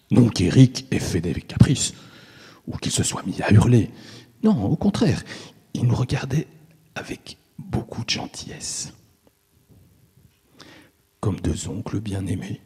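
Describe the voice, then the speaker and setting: A man giving an intimate, expressive first-person literary reading, with long reverb on the voice. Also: on the low side, unhurried, long pauses, husky. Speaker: reader.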